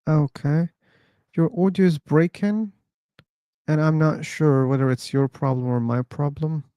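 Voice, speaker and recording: A man hosting a livestream talks in an unhurried, musing way, as if thinking out loud between callers. His voice is mellow and warm, set close and dry with no room sound. He drawls through the pauses at a very slow pace. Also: on the high side, steady tone, clear, resonant tone, dry recording. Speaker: host of an online discussion livestream. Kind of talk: casual livestream chat.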